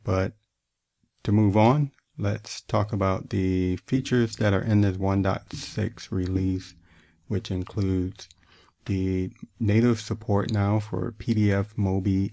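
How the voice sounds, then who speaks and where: A man's voice: sits low, dark tone, no room sound. A man giving a casual gadget demonstration as a reviewer, talking through each step, with a slight lisp and slur from wearing braces. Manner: talks through steps as they are done. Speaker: tech reviewer and host.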